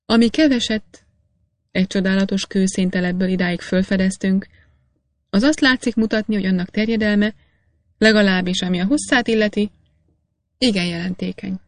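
A woman reading aloud, voicing a measured, polite male mining engineer in a storybook. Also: mid-range voice, steady tone, dry recording, lightly acted. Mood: calm.

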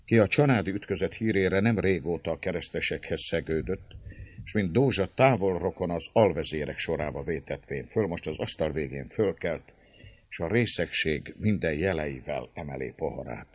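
Deep, husky male storyteller. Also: animated, darkish tone, no room sound, dull audio. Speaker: narrator. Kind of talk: audiobook narration of a historical novel.

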